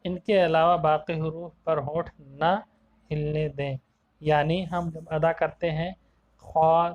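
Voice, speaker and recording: A man teaching a tajweed lesson to young children, explaining each term, repeating it slowly and sounding out single Arabic letters one by one. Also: on the high side, level tone, narrow, tinny audio. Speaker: Quran teacher.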